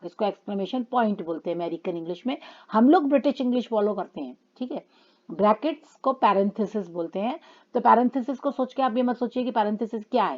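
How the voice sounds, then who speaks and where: A woman teacher talks her students through a grammar lesson at a middle pitch. She switches to slow, careful for the examples. The recording sounds a little dull and lo-fi. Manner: addresses students as children, reads English lines slowly. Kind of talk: classroom lesson explaining grammar.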